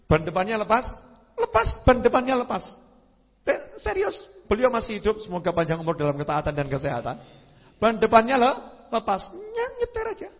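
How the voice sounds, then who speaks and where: A high-pitched, husky male preacher, telling stories with sudden pitch leaps and voiced sound effects. The recording is dull and lo-fi, with a long hall reverb behind his voice. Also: wildly swooping pitch, a little fast. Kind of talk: religious lecture.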